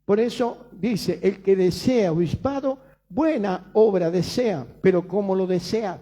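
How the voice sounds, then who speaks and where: A man's voice: high-pitched, measured pace, dark tone. A man with a Rioplatense Spanish accent preaching a sermon as pastor, emphatic, repeating phrases and asking rhetorical questions.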